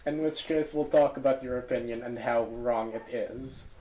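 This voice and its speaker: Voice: mid-range voice, normal speed, dark tone, roomy sound, low-quality recording. A podcast co-host in casual comedy chat, rambling and hesitant with many filler words, on a makeshift microphone. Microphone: makeshift microphone, not the usual one.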